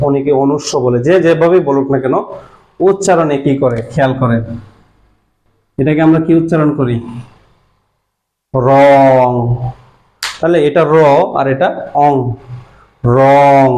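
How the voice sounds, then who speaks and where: A man's voice: a little high, darkish tone, low-quality recording. A man with a Bangladeshi Bengali accent teaching a language lesson, patiently explaining and answering his own questions. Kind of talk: classroom lesson.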